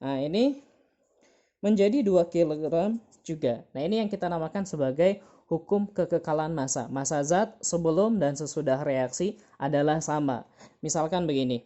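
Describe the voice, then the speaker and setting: Low-voiced woman teaching chemistry online. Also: moderate pace, mellow. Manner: patient, repeats terms, frequent "gitu ya" fillers.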